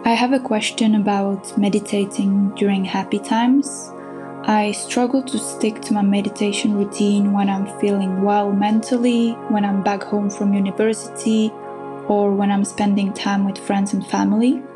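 A young woman with a Czech accent reads out a prepared question. Her pitch stays fairly flat and even. Soft new-age music plays clearly behind her. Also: normal speed. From Czech Republic. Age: young adult. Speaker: listener sending in a question.

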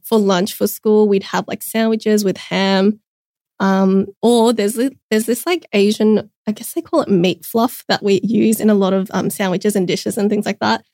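A young Australian woman, appearing as a podcast guest, chats upbeat in a casual interview, dropping plenty of casual fillers. Her mid-range, darkish voice moves at normal speed with fairly even intonation, recorded as clean studio sound with no echo.

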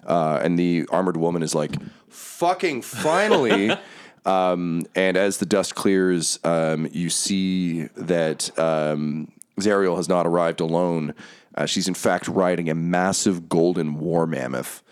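A man's voice: low-pitched, steady tone, unhurried, clean tone. A man narrating as game master, loose and laughing, full of fillers and swearing.

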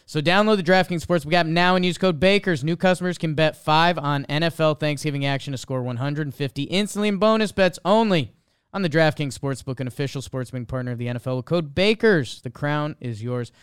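A male host reading scripted ad fine print as a very fast legal disclaimer. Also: a little high, clear, resonant tone, no echo, studio quality. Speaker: show host.

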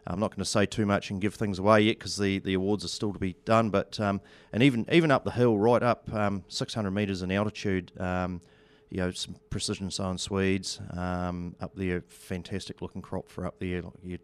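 Low, clear New Zealand man, understated. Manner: halting, understated colloquial delivery. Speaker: studio guest, agricultural seed company representative. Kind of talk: casual radio interview. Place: radio studio.

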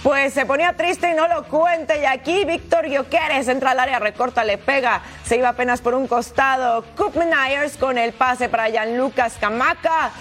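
Female football highlights presenter, high voice, excitable calls, music bed underneath. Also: normal speed, hardly any pauses. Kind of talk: football highlights narration over match clips. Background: background music.

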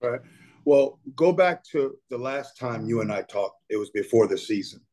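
A man guesting on a sports talk show, speaking in an animated, motivational way and calling the host man and brother. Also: mid-range voice, normal speed. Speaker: guest, player's father. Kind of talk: casual sports interview.

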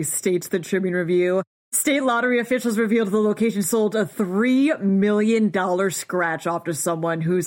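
A woman hosting a daily local news podcast, reading a script in a brisk, upbeat newsreader manner. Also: medium pitch.

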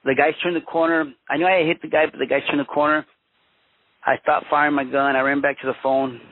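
A man in his fifties, born in Mexico and raised in Los Angeles, telling his own story as a former police officer, halting and restarting often. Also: fairly high pitch, level tone, dry recording. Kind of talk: personal storytelling interview. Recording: tinny phone-line audio.

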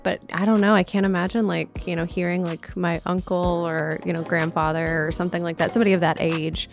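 A woman senior producer chatting on a news podcast, telling anecdotes in an animated way. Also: lowish voice, a little fast, vocal fry, faint music behind. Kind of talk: casual news roundup chat.

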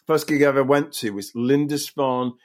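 A man's voice: medium pitch, fairly even intonation, normal speed. A man in his sixties hosting a casual chat in a genial way and inviting his co-hosts to talk. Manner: genial, asks guests to share. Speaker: host.

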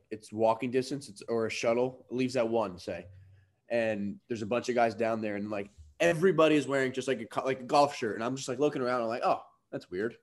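A man chatting casually as a ballplayer, telling anecdotes in a slangy way. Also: mid-range voice. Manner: slangy, acts out quoted dialogue. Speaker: professional baseball player.

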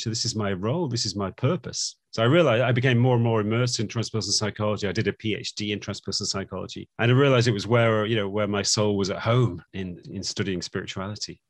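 Guest: man, 50s, low-pitched, reflective and rambling, dry close recording. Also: breathy edge, no room sound. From England. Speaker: guest, psychology lecturer. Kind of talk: interview conversation.

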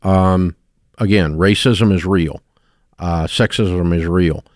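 A man's voice: sits low, fairly even intonation, slow, dry recording, clean studio sound. A man in his sixties with a Southern US accent, hosting a radio show and telling stories in a folksy way with frequent restarts. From American South. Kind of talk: casual radio talk.

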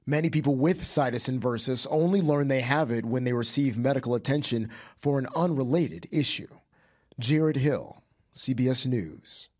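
Husky male news reporter. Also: medium pitch, moderate pace, a little mellow. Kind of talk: scripted news narration.

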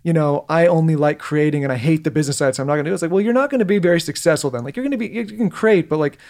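A young man co-hosting a podcast rattles off his opinions quickly, his voice sitting a touch high. He is blunt, swears often and strings thoughts together with plenty of "like". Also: a little mellow. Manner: blunt, profane, rapid run-on talk. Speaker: podcast co-host. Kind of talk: casual podcast chat.

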